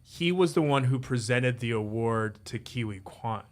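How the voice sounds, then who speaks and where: A man's voice: medium pitch, lively intonation, moderate pace. Storytelling man in casual podcast chat. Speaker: podcast co-host.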